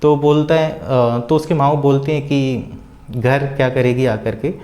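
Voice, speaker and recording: A man casually retelling a story out loud, with a rambling flow full of filler words and small hesitations. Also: medium pitch.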